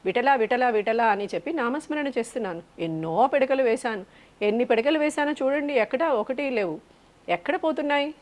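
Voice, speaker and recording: A woman's voice: fairly high pitch, lively intonation, fairly quick, pitched above the performer's own voice, lightly acted. A woman voicing an upset, devout young village woman who insists her things were stolen. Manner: insistent, complaining.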